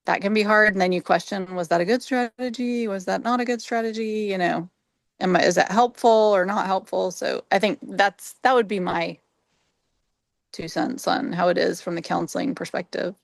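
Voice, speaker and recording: A woman talking as a trainee counselor in a supportive, encouraging therapist-like manner, casual and reflective, with a creaky voice. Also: mid-range voice, steady tone, normal speed, dry recording. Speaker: trainee counselor in a practice role play. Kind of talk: casual, reflective discussion and counseling role play.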